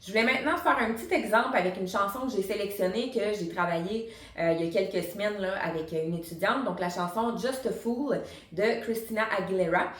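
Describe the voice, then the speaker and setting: A woman's voice: medium pitch, fairly quick, fairly bright tone, reverberant. A woman, a singing teacher giving a chatty, explanatory online singing lesson. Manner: chatty and explanatory, many fillers. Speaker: singing teacher and vocal coach.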